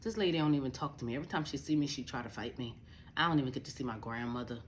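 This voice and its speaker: A woman's voice: a bass voice, very fast, a little hiss or hum. A young woman vlogging a candid personal rant to camera, blunt and profane, telling her story emphatically. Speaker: vlogger, spiritual advisor.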